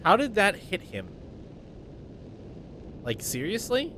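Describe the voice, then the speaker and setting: A man's voice: high voice, wildly swooping pitch, slow pace, a bit bright, a little hiss or hum. A man giving casual let's play commentary, informally muttering reactions to the game as he plays. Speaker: gamer playing and commenting.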